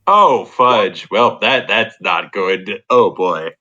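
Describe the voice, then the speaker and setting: Man, tabletop RPG player, slow halting delivery, forceful bright tone, casual, muffled voice-chat recording. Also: lowish voice, lively intonation.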